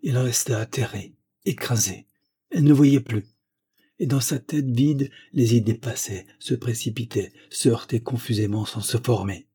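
Husky male audiobook narrator. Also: mid-range voice, normal speed, warm tone.

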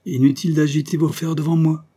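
A man's voice: on the low side, moderate pace, warm tone, husky. A man voicing a bitter, disgraced lieutenant who growls his words harshly.

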